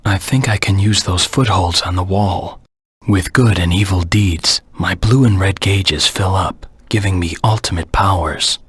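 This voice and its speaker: A man voicing a brooding antihero hedgehog in a video game, cold, grim and terse, with a low husky rasp. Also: measured pace, no room sound, studio quality, heavily acted. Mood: grim recounting. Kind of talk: video game character voice acting.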